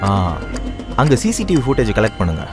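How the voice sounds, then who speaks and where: A man's voice: mid-range voice, big pitch swings, a little fast, over music, natural voice. An actor playing a greedy, joking male police officer who pockets bribes, in a dubbed film. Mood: sly.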